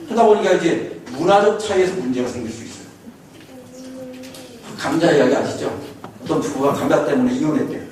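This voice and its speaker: A slightly high, somewhat mellow male voice moves fairly quickly yet leaves long pauses as a pastor from Korea's Chungcheong region gives a sermon lecture. Folksy stories and frequent chuckling fill his preaching. Echo from the hall, mic distance, and faint hiss mark the recording.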